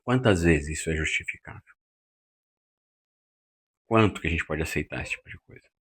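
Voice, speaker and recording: A man's voice: a bass voice, lively intonation, normal speed, fairly bright tone, slightly rough. A man teaching a lecture on communication, often checking in with his listeners and acting out other people's lines. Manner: acts out quoted speakers in raised voices; uses frequent tag questions. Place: classroom.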